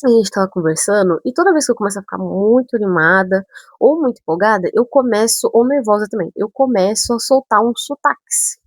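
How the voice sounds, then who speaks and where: A chatty vlogger in her 20s from São Paulo tells a story straight to camera, her São Paulo speech touched with a northern Brazilian accent. Her mid-range voice is a little husky and breathy, brisk, and prone to animated asides. The sound is close and dry with no room echo.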